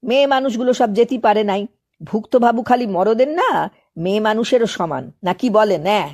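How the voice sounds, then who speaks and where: Storybook part: a woman playing a knowing, teasing village man, folksy and hinting, mid-pitched. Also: expressive, moderate pace, a little mellow. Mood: hushed. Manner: folksy, addresses listener as babu. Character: sly rural man, laughing, full of hints.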